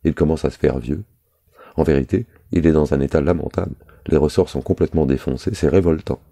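A man's voice: rumbling low, fairly quick, vocal fry, dark tone, heavily acted. A man reading aloud the lines of a jealous, capricious young woman, voicing her with little change from his own voice.

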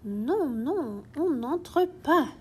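A woman voicing a shy little female tulip, speaking high and firm in a storybook reading. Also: lively intonation, slow pace, mellow, a little hiss or hum.

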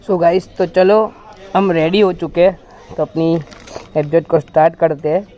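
A man's voice: on the high side, fairly even intonation, normal speed, highs cut off. A young man narrating a casual motorbike vlog, chatting to his viewers as he rides along outdoor roads. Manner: chatty, addresses viewers as guys. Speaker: vlogger. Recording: loud road and traffic noise.

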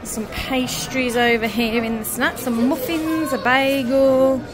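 Upbeat mum chatting to her kids while filming, bit high voice, loud music behind. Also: steady tone, slow pace. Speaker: family vlogger and mother. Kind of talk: casual vlog narration. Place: large busy diner.

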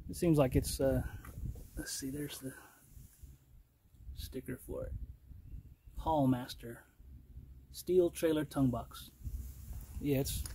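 A middle-aged man walks around a trailer outdoors and talks through a casual product review in a plain, folksy way. His delivery stays flat and even. A faint hiss sits under the voice. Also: mid-range voice. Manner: plain, unhurried, folksy talk with fillers. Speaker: channel host reviewing a trailer tool box. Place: outdoors in a yard beside a trailer.

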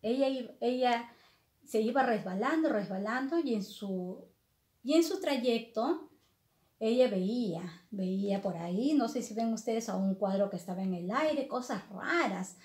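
A middle-aged woman telling a story to young children, animated and addressing them by name. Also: fairly high pitch, unhurried, echoey room.

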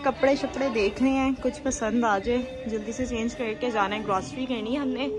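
A woman's voice: fairly high pitch, fairly even intonation, moderate pace, over loud music. A young woman in her twenties vlogging casually into a handheld phone, talking straight to her viewers. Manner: chatty, addresses viewers directly. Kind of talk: casual vlog narration. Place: car and busy city streets and shops, outdoors and indoors. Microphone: handheld phone at arm's length. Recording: street crowd and traffic noise behind.

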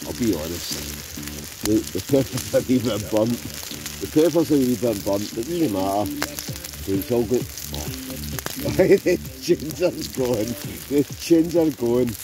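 Cheerful and animated, a Scottish vlogger with a medium-pitched voice talks unhurriedly to viewers during a night of outdoor campfire cooking. The poor audio of this casual camping vlog picks up music and sizzling food behind him.

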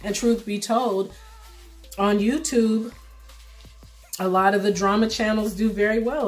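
A middle-aged woman giving casual, plainspoken vlog commentary while eating, pausing for bites and repeating phrases for emphasis. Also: mid-range voice. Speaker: vlogger. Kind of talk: casual mukbang commentary chat.

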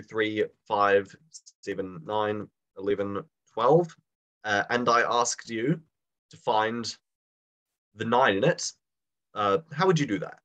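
Leading a class live over a video call, this young man sounds a bit raspy from a slight cold. His lowish voice stays casual and conversational as he poses questions to his students.

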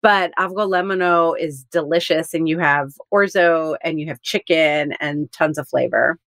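A woman's voice: sits low, moderate pace, fairly bright tone, dry recording, studio quality. A woman co-hosting a podcast in casual chat, enthusiastic and talkative, often laughing. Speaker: podcast co-host.

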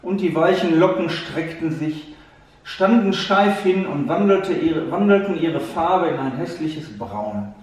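A man gently telling a fairy tale to a child, speaking to the listener directly, heard from a distant mic in an echoey room. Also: a little high, lively intonation, a little slow. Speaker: storyteller.

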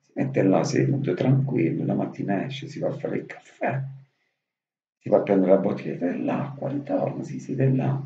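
A man talks in a casual, heartfelt monologue, circling back to the same words and dropping the odd swear. His voice sits very low and dark. The recording is dull and lo-fi, with a roomy echo. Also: lively intonation, moderate pace, creaky, soft background music. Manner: affectionate, repetitive, swears casually. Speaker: vlogger speaking to his absent brother. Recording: dull lo-fi audio in an echoey room.

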